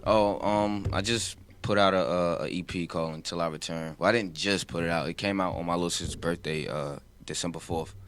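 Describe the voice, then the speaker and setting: A man's voice: deep voice, fairly even intonation, brisk, hardly any pauses, fairly bright tone, a little hiss or hum. A rapper, chatting in a laid-back, rambling way, with a voice that sounds older than his age. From New Jersey, US. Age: 20s. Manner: laid-back, rambling, says "you feel what I'm saying". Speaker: rapper guest. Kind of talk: casual interview chat.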